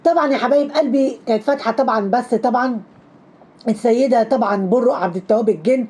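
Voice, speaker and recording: Fast-talking sarcastic Egyptian woman. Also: a little high. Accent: Egyptian Arabic. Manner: sarcastic, mocking, animated. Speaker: gossip commentator. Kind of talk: casual gossip commentary.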